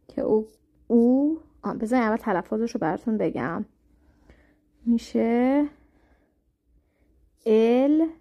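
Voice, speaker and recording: Patient woman teaching slowly, muffled audio. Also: a little high. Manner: slow, careful spelling-out of words. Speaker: language teacher. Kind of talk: step-by-step spoken lesson.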